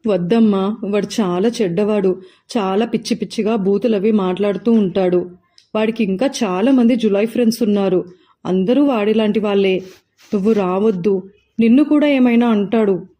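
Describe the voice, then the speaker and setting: A woman's voice: mid-range voice, normal speed, dark tone, close to an everyday voice. A woman voicing a tearful, frightened teenage schoolgirl pleading with her mother in an audio story.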